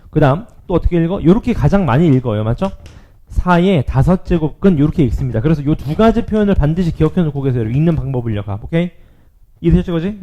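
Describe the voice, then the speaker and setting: A male math teacher giving a lively classroom lecture, often checking in with his students. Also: a little high, muffled recording.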